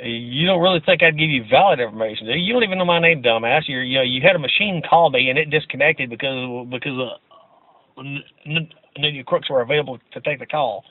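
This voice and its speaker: A man's voice: medium pitch, quick pace, noisy background. A man taunting a caller in a phone conversation, mocking and insulting, often restarting his phrases. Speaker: prank call recipient. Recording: dull, dry lo-fi call recording.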